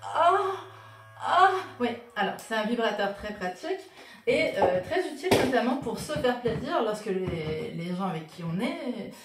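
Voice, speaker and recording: A woman's voice: mid-range voice, expressive, normal speed, echoey room, recorded from a distance, faint music behind. A woman talking to camera about her own T-shirts, casual and wry, with plenty of fillers. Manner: wry, joking, many fillers. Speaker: vlogger showing her T-shirts.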